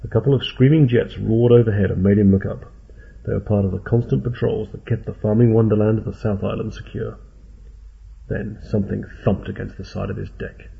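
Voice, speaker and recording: A man's voice: on the low side, fairly even intonation, brisk, gravelly, breathy edge. A man narrating a story in a dry, wry way, in a tinny phone-like recording. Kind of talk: audiobook narration.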